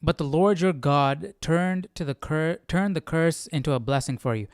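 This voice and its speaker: A man hosts a Bible study livestream, musing casually through scripture and often checking in with rhetorical questions. His voice is slightly high, clear and resonant at a normal pace, recorded with studio quality and no room sound.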